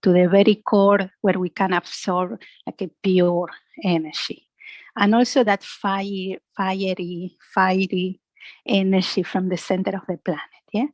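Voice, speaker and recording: A woman with a mid-range voice speaks in a level, unhurried way, recorded with no room sound. She is a yoga and relaxation instructor leading a dry-sounding class with breathing and imagery, gentle and instructive, often tagging on a questioning "yeah?".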